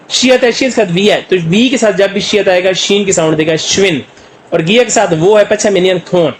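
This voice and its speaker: Middle-aged male language teacher, Pakistani Urdu accent, high voice, patient filler-heavy lecturing, faint hiss behind. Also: rough recording. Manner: explains slowly, with many fillers and repeated questions to students; draws out demonstration sounds.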